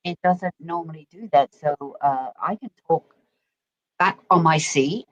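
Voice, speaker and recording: A man's voice: on the high side, measured pace, a bit bright. A man chatting casually as a guest on a live stream, his voice muffled and fading in and out as the connection drops. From Britain. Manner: rambling, chatty, laughs it off. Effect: muffled mic cutting in and out on a weak stream connection. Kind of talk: casual chat. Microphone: home computer mic. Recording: muffled, dull stream audio.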